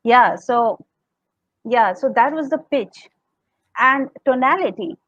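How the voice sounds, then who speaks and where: A woman with an Indian English accent gives a lesson on public speaking, going step by step, acting out example tones, and frequently laughing. Her high, animated voice is slow and a bit bright, recorded with no room sound and the highs cut off.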